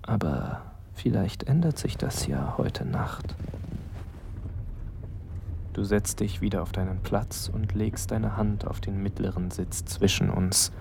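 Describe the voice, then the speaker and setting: Fully in character, an actor narrates an intimate audio drama as a young man torn between arousal and hesitation over his best friend. The fairly low voice is hushed and breathy, often falling to a whisper, and carries a longing, hesitant mood against a noisy background.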